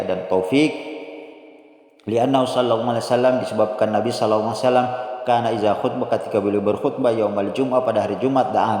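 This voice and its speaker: A man's voice: medium pitch, a little mellow. A man with an Indonesian accent teaching a religious study lesson, explaining Arabic text phrase by phrase and rising emphatically on the Arabic. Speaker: teacher of Islamic law. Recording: very echoey hall.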